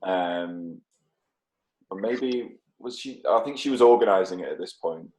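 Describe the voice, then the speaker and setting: A man's voice: deep voice, unhurried, a little mellow, low-quality recording. A man in his mid-thirties from the UK, hosting a casual podcast chat with lots of swearing and laughter. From United Kingdom. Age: 30s. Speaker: podcast host.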